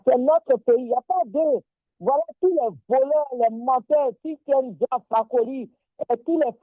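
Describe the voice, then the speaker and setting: A woman's voice: on the high side, no room sound. An Ivorian woman delivers fiery political commentary, indignant and insistent, driving each point home by saying it again. Her voice comes through a narrow, tinny phone-like line with no room sound at all. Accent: Ivorian French. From Côte d'Ivoire.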